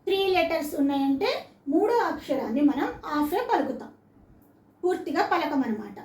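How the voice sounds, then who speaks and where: A woman's voice: high voice, very animated, moderate pace, darkish tone. A woman teaching a lesson to children, patiently spelling words out syllable by syllable and asking the listener questions. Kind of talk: classroom-style lesson for children. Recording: roomy echo, mic set far off.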